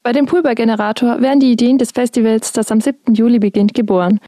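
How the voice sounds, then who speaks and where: A young woman student reporter reading a scripted radio feature in a clear, measured way. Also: a little high, steady tone, mellow, dry recording, clean studio sound. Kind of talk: scripted narration.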